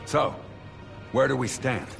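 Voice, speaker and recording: A man playing a calm, grave veteran warship captain in a video game, terse and commanding. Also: medium pitch, measured pace, creaky, music in the background. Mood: grave, questioning. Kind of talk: video game cinematic dialogue.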